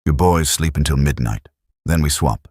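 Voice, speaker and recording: A man doing a brisk Welsh platoon sergeant. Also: very deep voice, a little mellow, breathy edge, no room sound, clean studio sound. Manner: practical and commanding.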